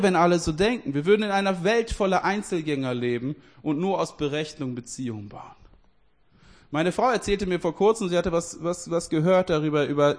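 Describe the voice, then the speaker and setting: A man with a high voice preaches in a loose, conversational way. He talks directly to the people listening, corrects himself often and laughs through his points. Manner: restarts and self-corrections. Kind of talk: casual sermon.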